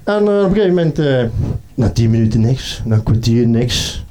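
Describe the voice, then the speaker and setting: A man's voice: medium pitch, crowd noise. Chatty man telling comic stories. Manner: chatty, animated, doing quick voices. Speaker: comedian. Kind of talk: comic storytelling monologue.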